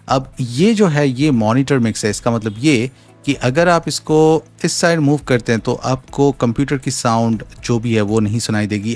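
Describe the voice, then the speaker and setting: A man giving a casual product demo at home, explaining settings step by step and mixing in English phrases. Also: medium pitch. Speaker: tech reviewer. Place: home room with a fan running. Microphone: studio USB mic at varying distance.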